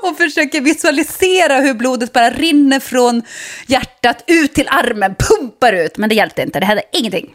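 Animated young woman telling a story. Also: sits high. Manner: animated storytelling, acts out quotes. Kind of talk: casual chat.

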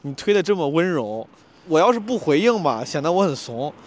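Fast-talking man telling a story. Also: on the high side, a little hiss or hum. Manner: animated, acts out quarrels in raised voice. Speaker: comedian vlogger. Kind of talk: casual storytelling vlog.

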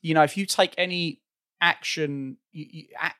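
A man in his forties with an Essex accent, chatting casually about film in an informal, fairly monotone way. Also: fairly high pitch, a little slow, dry recording, studio quality. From Essex, England. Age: 40s. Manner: self-described monotone, informal.

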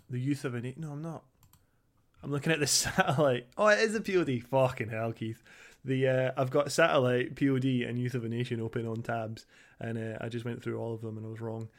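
A man in his thirties co-hosting a podcast in casual chat, informal, sweary and self-deprecating. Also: mid-range voice. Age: 30s. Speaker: podcast co-host.

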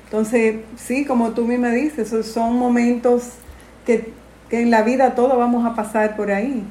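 A woman host, gently comforting her guest. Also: a little high, fairly even intonation, normal speed, echoey room. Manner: gentle and reassuring. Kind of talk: comforting interview talk.

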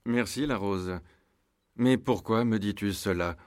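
Man doing a bold troubadour knight, slow and steady, dry close sound, storybook. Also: lowish voice, no echo, lightly acted. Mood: earnest.

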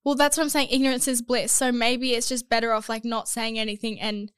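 A woman's voice: on the high side, flat delivery, brisk, a bit bright, smooth, no room sound, clean studio sound. Young woman with a stuffy cold. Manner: chatty, trails off and restarts. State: congested from a cold. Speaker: podcast co-host. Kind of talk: casual chat.

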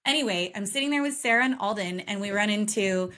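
A woman's voice: medium pitch, fast, bright, forceful tone. Chatty rambling woman co-host. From Oregon, United States. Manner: chatty, rambling, lots of fillers and laughs. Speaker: podcast co-host. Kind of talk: casual chat. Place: home, forest view.

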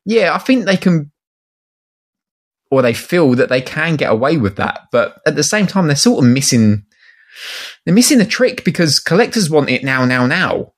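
A man's voice: on the high side, sing-song, normal speed. Matey man with an Essex accent. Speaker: guest, toy collector. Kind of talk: casual chat.

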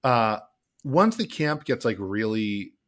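A man's voice: on the low side, big pitch swings, slow pace, fairly bright tone. A man co-hosting a podcast, recapping a film in casual chat, rambling with many fillers. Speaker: podcast co-host.

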